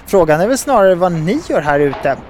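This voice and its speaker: A man's voice: sits high, very animated, darkish tone, a little hiss or hum. A man voicing a blunt, matter-of-fact old bearded fisherman.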